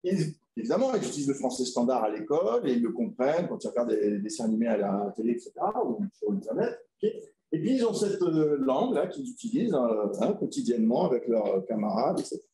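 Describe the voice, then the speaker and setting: A man's voice: medium pitch, sing-song, fast, dark tone, reverberant, rough recording. A man giving an academic conference talk, explaining patiently and often adding little fillers like "hein" and "voilà". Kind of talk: academic presentation.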